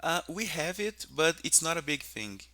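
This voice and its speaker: A man's voice: on the high side, very animated, normal speed, sharp tone. Hesitant Brazilian man speaking English. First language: Portuguese. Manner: hesitant, repeats words while searching for them. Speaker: English student. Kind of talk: casual conversation practice.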